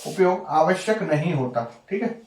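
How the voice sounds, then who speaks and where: A man's voice: a little high, animated, normal speed, darkish tone. A man teaching a Hindi grammar lesson for exam students. He explains step by step, repeats the example words, asks the class questions and keeps saying "okay" between points. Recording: echoey room, voice from far off the mic.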